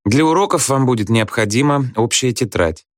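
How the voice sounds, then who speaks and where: A man's voice: mid-range voice, lively intonation, normal speed, no room sound, clean studio sound, pitched above the performer's own voice, natural voice. A man reading an audiobook voices a stern young male teacher who gives curt, commanding orders. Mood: warning. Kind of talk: audiobook character voice.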